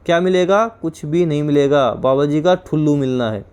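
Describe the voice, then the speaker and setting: A male teacher from India runs an exam-prep class, speaking at normal speed in a clear, resonant voice. He explains each point, repeats it and quizzes his students, dropping to a low, quiet voice whenever he says a corrected word.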